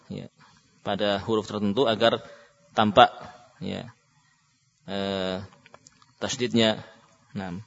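Slow chanting male recitation teacher. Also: lowish voice. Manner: slow, drawn-out chanting of example words; patient explaining with frequent "ya" and "nah". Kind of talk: classroom instruction with call-and-repeat. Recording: dull lo-fi recording in a reverberant hall.

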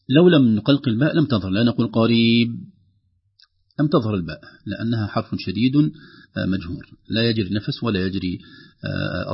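Man, tajweed teacher, gravelly husky voice, slow demonstrative stretches, dull lo-fi sound. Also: fairly low pitch. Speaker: Quran recitation teacher. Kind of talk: tajweed lesson with recited examples.

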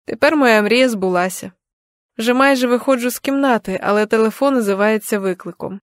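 A young adult woman narrating an audiobook in the first person, with even, gentle storytelling. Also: a little high, a little fast, dry recording, studio quality.

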